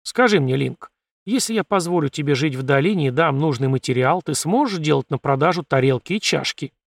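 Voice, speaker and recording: A man voicing a calm, firm male leader of a valley who speaks bluntly. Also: a little high, fairly quick, vocal fry, no echo.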